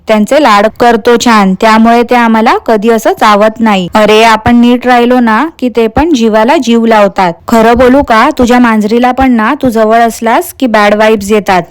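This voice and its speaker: A woman's voice: a little high, clear, resonant tone, dry recording. A woman with a Marathi accent giving mocking, scolding commentary on a vlogger for her reaction podcast.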